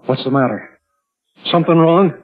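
A man's voice: fairly high pitch, moderate pace, natural voice. A man playing an affable, hesitant insurance salesman in a 1950s radio drama. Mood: flustered. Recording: tinny muffled vintage radio recording.

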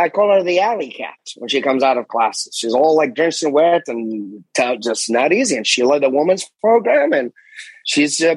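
A man's voice: a little high, breathy edge, no room sound, rough recording. A middle-aged man, a martial arts instructor, telling stories as an interview guest in an intense, emphatic way and acting out his own commands. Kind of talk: animated storytelling in an interview.

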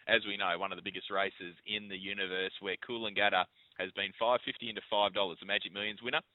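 A man's voice: fairly low pitch, no room sound. An Australian man giving racing odds as a tipster, often stammering and repeating words as he goes, speaking over a phone call. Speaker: betting tipster and bookmaker's guest. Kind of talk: live racing odds commentary. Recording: tinny narrowband phone line.

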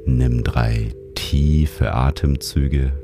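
A man narrates a guided sleep meditation in a soothing, calm manner, like a sleep-story narrator. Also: a bass voice, drawn-out words, over music. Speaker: meditation guide and show host.

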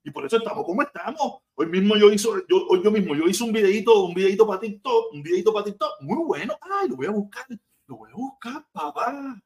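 High-voiced Cuban man ranting live. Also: lively intonation, fairly quick, a little mellow. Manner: blunt, repetitive, mocking rant. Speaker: live streamer. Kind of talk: casual live-stream commentary.

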